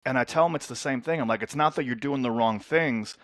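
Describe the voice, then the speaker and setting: Raised in the United States but from Lebanon, a coach specializing in men's transformation speaks a little fast as a podcast guest in a relaxed interview. His tone is upbeat and narrative, with words often doubled at the start of sentences, in a medium-pitched voice on a dry recording.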